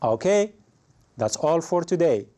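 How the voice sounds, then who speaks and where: A man teaching an English lesson, explaining situations slowly and raising his pitch when he reads example phrases. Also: sing-song, warm tone.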